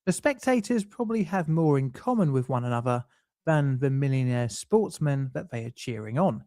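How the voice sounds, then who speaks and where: A man reading a scripted documentary narration in a measured, lightly dry explanatory way. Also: mid-range voice, lively intonation, darkish tone, no echo.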